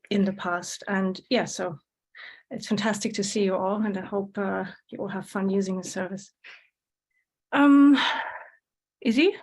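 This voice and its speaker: A woman's voice: medium pitch, a little mellow, rough recording. A woman who draws illustrations and animations introduces herself on a video call, hesitant and full of fillers.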